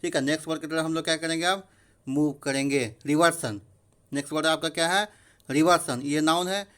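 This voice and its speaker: A man explaining English vocabulary in Hindi, reading the English definitions out slowly. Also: fairly high pitch, steady tone, a bit bright, clean tone. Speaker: vocabulary teacher. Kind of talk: explaining word meanings in a recorded lesson.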